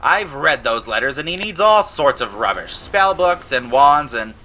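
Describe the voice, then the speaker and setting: A man's voice: mid-range voice, sing-song, moderate pace, pushed and bright, voice pushed up. A man voicing an irate, stubborn middle-aged uncle, sputtering with indignation in a storybook audio drama. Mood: indignant.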